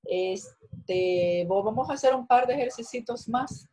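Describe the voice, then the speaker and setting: A woman's voice: fairly high pitch, slow, dark tone, poor audio. A woman teacher giving an online class on a video call, explaining and correcting student work with encouragement. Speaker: university teacher.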